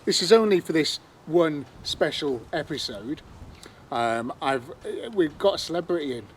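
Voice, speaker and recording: A man's voice: a little high, expressive, normal speed, slight background noise, low-quality recording. A man hosting a podcast in casual chat, rambling and hesitant with many fillers, recorded outdoors at his workshop on a clip-on mic. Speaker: podcast host.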